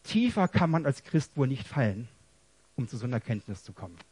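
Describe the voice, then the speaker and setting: A man preaching a personal testimony sermon, dramatic and emotional, swinging between hushed confession and loud pleading. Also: mid-range voice, sing-song, brisk, breathy edge, no echo.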